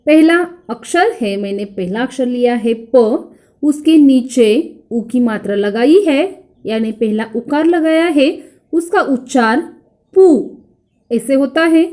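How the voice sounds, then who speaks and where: A woman with a high voice and a Marathi accent teaches young children. She speaks slowly and carefully, drawing out each word. She repeats sounds so her pupils can echo them back. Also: darkish tone. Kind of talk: children's grammar lesson.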